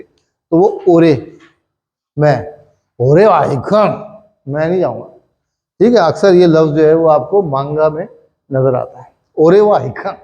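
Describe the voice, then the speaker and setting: A middle-aged man with an Urdu-speaking Pakistani accent teaches a Japanese grammar lesson in a high voice. He talks in a chatty, repetitive way and keeps checking whether the class follows. The recording is dull and lo-fi. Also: mellow. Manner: chatty, repetitive, with many "thik hai" checks.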